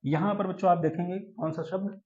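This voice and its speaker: A man's voice: high voice, steady tone, mellow. A male teacher leading an exam-prep lesson, quizzing his students and calling them children. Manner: addresses students as "children", quizzes them, chants verse slowly. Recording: echoey room, dull lo-fi sound.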